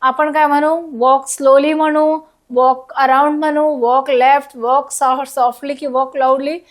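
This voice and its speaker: A woman's voice: sits high, flat delivery, unhurried. A woman teaching a recorded school lesson, spelling words out letter by letter and asking children questions.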